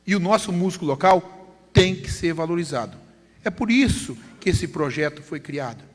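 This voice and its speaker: A man with a Brazilian accent from Paraná, the council president making an insistent, repetitive formal statement. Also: on the high side. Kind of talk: formal public-hearing speech. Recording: reverberant council chamber PA.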